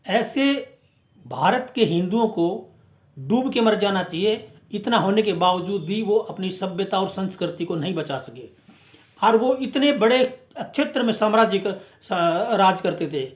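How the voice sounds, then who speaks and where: A man giving an impassioned, emphatic speech as a movement speaker, full of rhetorical questions and repeated phrases. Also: high-pitched. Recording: echoey room.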